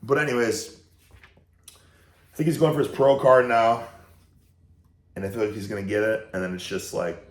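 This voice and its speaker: A man's voice: fairly low pitch, fairly even intonation, normal speed, pauses often. A man who is losing his voice, chatting to camera in a loose, blunt way with mild swearing, from a room at home. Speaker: fitness YouTuber reacting to a video. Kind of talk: casual rambling chat to camera. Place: indoor room at home with a TV behind him. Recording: roomy echo.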